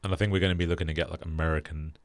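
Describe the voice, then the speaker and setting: A young British man hosting a casual podcast chat, relaxed and flat in delivery with lots of fillers. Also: rumbling low, very fast, no echo. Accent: British English. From Britain. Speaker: podcast host.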